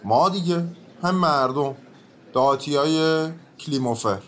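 A man voices a stubborn old-world peasant facing a judge, evasive and set in his ways. His voice sits a little high, and he grumbles and mumbles his answers in rustic talk. It is a radio drama. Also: fairly bright tone, close to an everyday voice.

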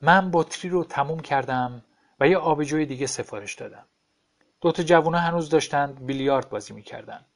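A man reads a short story as an audiobook. His voice sits fairly high, and his delivery stays calm, flat and detached. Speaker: narrator.

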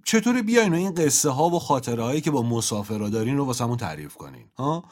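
Radio host guy just chatting, super animated, slangy and friendly, normal guy pitch. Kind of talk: casual radio chat.

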